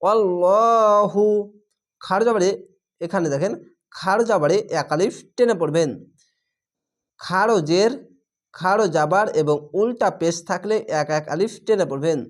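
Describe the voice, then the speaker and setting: A man teaching Quran reading, slowly spelling out each word syllable by syllable. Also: sits high. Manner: slow, drawn-out syllable-by-syllable spelling of Arabic words. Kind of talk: spelling-out recitation lesson.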